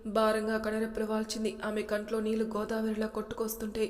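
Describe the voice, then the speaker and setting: Woman storyteller, fairly high voice, long reverberant sound, narrates all the characters. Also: monotone, fast.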